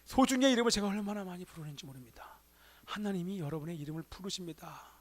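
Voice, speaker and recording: A male pastor preaching a Sunday sermon in a church, firing rhetorical questions at the congregation and swinging between emphatic exclamations and hushed asides. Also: sits high, animated, fast. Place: church sanctuary.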